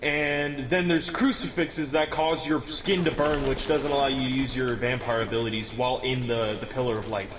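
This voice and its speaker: A teenage boy chats casually about a game build, rambling, restarting often, and chuckling at his own remarks. His medium-pitched voice holds a steady tone at normal speed with hardly any pauses, and there is background noise.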